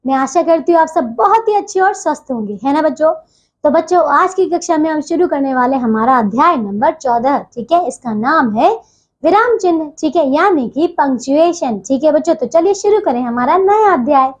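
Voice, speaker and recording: A woman's voice: high-pitched, expressive, moderate pace. A young woman teaching a grammar lesson to schoolchildren, patient and repetitive, often checking that the children follow. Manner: patient, repeats "theek hai bachchon" constantly.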